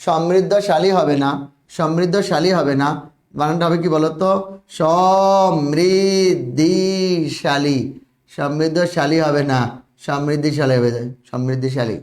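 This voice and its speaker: A man's voice: a little high, steady tone, moderate pace, echoey room. A man teaching a spelling lesson online, repeating words and often checking that students follow.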